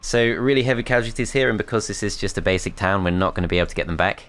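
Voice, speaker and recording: A man's voice: lowish voice, racing, a bit bright. A man commentating his strategy game as he plays, thinking aloud in a tentative, self-critical way. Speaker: gameplay commentator.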